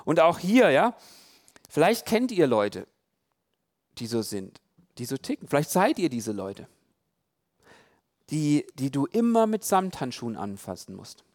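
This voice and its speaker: Lebhafter Mann mit höherer Stimme. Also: male voice, a little high, unhurried, pauses often. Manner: animated, acts out quoted thoughts, many fillers and restarts. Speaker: speaker giving a talk on love and marriage. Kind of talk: conversational sermon.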